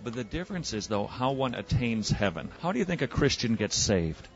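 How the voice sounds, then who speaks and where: A man debating religion on the street as an evangelist and radio host, pressing with quick probing questions. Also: medium pitch, big pitch swings, dull audio. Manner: probing, rapid-fire questioning. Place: outdoors on a city street.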